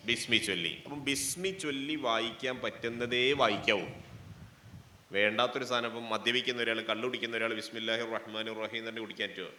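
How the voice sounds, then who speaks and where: A man's voice: medium pitch, steady tone, brisk, sharp tone. A man with a Malabar Malayalam accent giving a playful, interactive speech to students at a college fest, asking the audience questions and making jokes. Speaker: guest speaker inaugurating a college fest. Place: hall with an audience. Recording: roomy hall with faint background noise.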